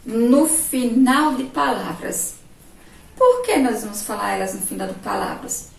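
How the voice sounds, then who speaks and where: A Brazilian woman with a somewhat high voice teaches young children in a patient, questioning way. She talks slowly and deliberately. She is picked up from a distance in a roomy, echoing space with faint noise underneath. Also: sing-song, gravelly. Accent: Brazilian Portuguese. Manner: slow, patient, asks questions often. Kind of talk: remote lesson for young children.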